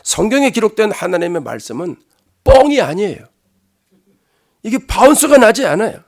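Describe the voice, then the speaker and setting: A male pastor giving a sermon in an emphatic, conversational style, alternating loud declarations with hushed asides. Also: sits high, very animated, moderate pace, creaky.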